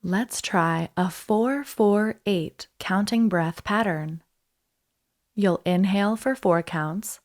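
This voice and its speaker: Speaking at a medium pitch, a female instructor leads a guided breathing meditation. She's calm and unhurried, giving brief instructions separated by pauses.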